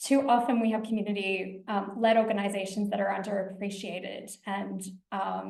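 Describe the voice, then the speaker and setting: A woman moderating a webinar session, thoughtful and pausing with fillers. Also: mid-range voice, level tone, vocal fry, a little mellow. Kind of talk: chairing a webinar. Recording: roomy and distant from the mic.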